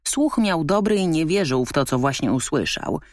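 A woman's voice: sits low, normal speed, dry recording. Woman narrating a children's story. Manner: expressive, lively storytelling. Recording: dry close studio sound.

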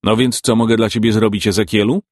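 A man reading a world-weary male private detective in an audiobook, dry and deadpan. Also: fairly low pitch, quick pace, no room sound, close to an everyday voice. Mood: glum.

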